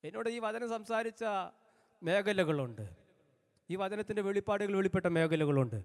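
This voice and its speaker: Man, pastor, very high voice, fervent repetitive preaching, reverberant church hall. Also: expressive, moderate pace. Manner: fervent, repetitive call-and-response preaching, rising to shouts. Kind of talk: sermon.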